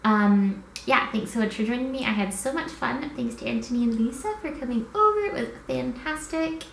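Sleepy 20s girl rambling to her vlog camera, lots of vocal fry, echoey little room. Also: a little high, lively intonation, normal speed, a bit bright. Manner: sleepy, worn out; rambling, easily distracted. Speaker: vlogger. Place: small indoor apartment room. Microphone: camera at arm's length. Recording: echoey small room with faint noise.

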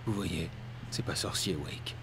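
An anguished writer in a video game. His voice sits low, with a grave, brooding delivery. There is clear noise behind it. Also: unhurried. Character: brooding, anguished male writer narrating his own thriller. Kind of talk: scripted video game narration.

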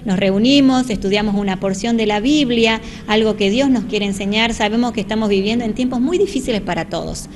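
A woman's voice: medium pitch, a little fast, few pauses, darkish tone, a little hiss or hum. A woman in her forties giving an earnest local TV interview in a church hall, speaking into a handheld mic and inviting people in. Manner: earnest, inviting, slips into preaching. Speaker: church volunteer. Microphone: handheld reporter mic.

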